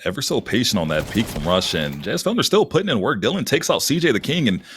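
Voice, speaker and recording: A man doing live esports commentary as a caster, lively and husky, with casual asides. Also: medium pitch, fast, a little hiss or hum. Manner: animated esports caster delivery. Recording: music behind the voice. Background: music.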